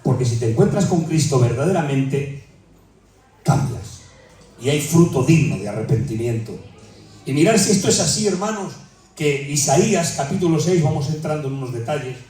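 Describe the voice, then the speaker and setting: A man's voice: a little high, expressive, moderate pace, dark tone, far from the mic. A man from Spain preaching a sermon, impassioned and repetitive, his voice rising to cries. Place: large echoey church hall. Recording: very echoey church, voice from afar.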